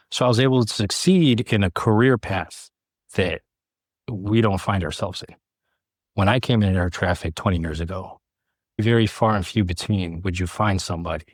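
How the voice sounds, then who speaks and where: This low-voiced man, a late-thirties air traffic controller from California, is a podcast guest recounting his personal career path. His delivery is earnest, built from short, measured phrases. The dry recording, slightly rough, leaves very little room around his voice.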